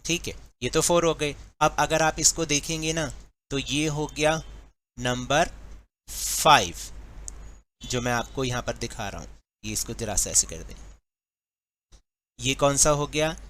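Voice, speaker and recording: Man, indian english accent, schoolteacher, patient step-by-step explaining, slightly raised pitch. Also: a bit bright, a little hiss or hum. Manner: slow, patient, counts aloud step by step. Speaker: teacher. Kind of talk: worksheet lesson for school pupils.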